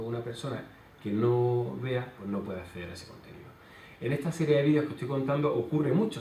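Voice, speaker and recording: A man's voice: medium pitch, warm tone. Man lecturing in an echoey hall. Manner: explanatory, many hesitation fillers. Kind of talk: conference talk. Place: conference hall. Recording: roomy hall sound from far off.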